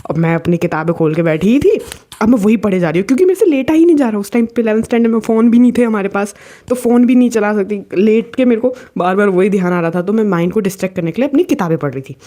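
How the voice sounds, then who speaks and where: Young woman chatting through a personal story, mellow voice, easygoing. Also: mid-range voice, lively intonation, very fast. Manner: chatty, mixes in English words, frequent restarts. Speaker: vlogger. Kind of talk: casual storytelling.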